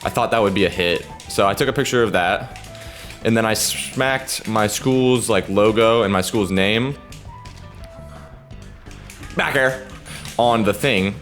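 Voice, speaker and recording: Soft music plays behind a teen gaming creator whose fairly low, slightly bright voice moves a little slowly, with long pauses. Speaking quietly so as not to wake his sleeping dad, he meanders through a story during gameplay and breaks off to taunt opponents.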